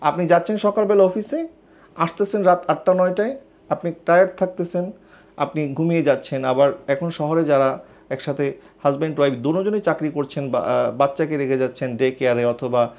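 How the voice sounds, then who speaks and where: A man giving an Islamic sermon, earnest and admonishing, often asking rhetorical questions. His voice sits a little high for a man. The recording is dull and lo-fi. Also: steady tone, brisk, a little mellow. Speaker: preacher.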